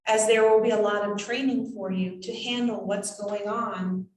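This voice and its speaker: A woman acting as a seance medium in trance, voicing a cryptic, whimsical spirit guide in halting, measured phrases. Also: mid-range voice, fairly even intonation, slight background noise, lightly acted. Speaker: channeling medium. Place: indoors, draped room. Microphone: distant camera microphone. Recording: roomy echo, distant microphone.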